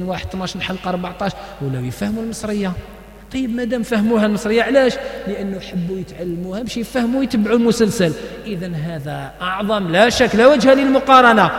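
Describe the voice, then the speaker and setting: High-pitched preacher in an echoing hall. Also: male voice. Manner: mixes classical Arabic and dialect, recites poetry slowly. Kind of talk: Friday sermon lesson.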